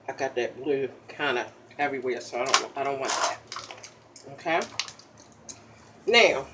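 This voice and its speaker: A woman's voice: extremely low pitch, a little slow, very noisy. A woman hosting a casual makeup tutorial in an ASMR style, chatty and popping gum, checking in with "okay?" after each step. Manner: pops chewing gum while talking.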